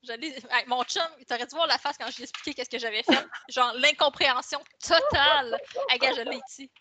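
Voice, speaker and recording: A woman's voice: sits high, brisk, pushed and bright, a little hiss or hum. A woman with a Québécois French accent, an author chatting casually as a podcast guest, rambling and correcting herself as she goes. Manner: rambling, self-correcting, many restarts.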